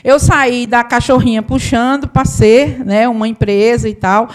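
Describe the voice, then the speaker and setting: Before a live audience, an accountant and business owner from Paraíba, Brazil, tells her own story in a conversational way, often asking "né?" Her voice is a little high, with fairly even intonation and an unhurried pace.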